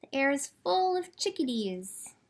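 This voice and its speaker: A woman with a high voice, speaking a little slowly, leads a library storytime for kids. She chats and reads with simple, expressive phrasing, talking right to the children.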